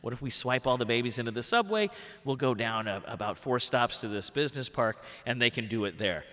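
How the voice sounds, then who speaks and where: A man quoting a businesslike production assistant in a lower, quieter voice, told live on stage. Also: animated, fairly quick, big-room sound. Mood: matter-of-fact.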